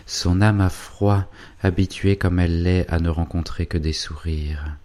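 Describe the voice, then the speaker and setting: Old doctor guardian in an audiobook, deep, dark and grave, read by a man. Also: moderate pace, lightly acted.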